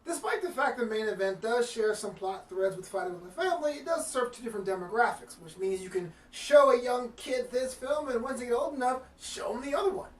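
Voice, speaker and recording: A man co-hosting a casual review chat about wrestling films, animated and slangy. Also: extremely high pitch, a little fast, hardly any pauses, echoey room, distant mic.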